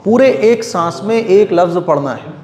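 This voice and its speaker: A middle-aged man gives a patient step-by-step lesson, drawing out each letter sound and repeating it. His voice sits a little high for a man. The recording is roomy, with a long reverb tail. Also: animated, moderate pace, a little mellow. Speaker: Quran reading teacher. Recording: echoey room with long reverb.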